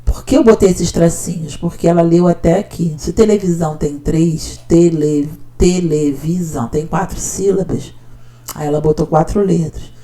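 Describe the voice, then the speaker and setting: Mellow-voiced woman teacher. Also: on the low side, steady tone, normal speed. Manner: conversational, checks in with listener often. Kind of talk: casual explanatory talk.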